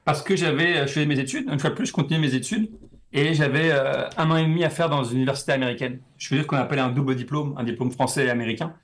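Fast-talking Frenchman in a relaxed interview. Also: mid-range voice. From France. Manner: relaxed, rambling, frequent fillers. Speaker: guest. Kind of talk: casual interview conversation.

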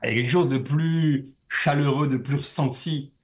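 With a steady, medium-pitched voice and a measured pace, a young French comedian guests on an easygoing interview. He speaks French with a faint Québécois flavor, animated and often repeating words mid-thought.

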